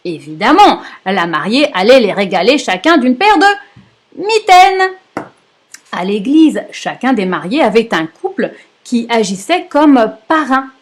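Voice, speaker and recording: Chatty woman presenter, slightly high voice. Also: big pitch swings, a little slow. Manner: chatty, with asides and jokes to viewers. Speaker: knitting presenter. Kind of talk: casual storytelling lecture.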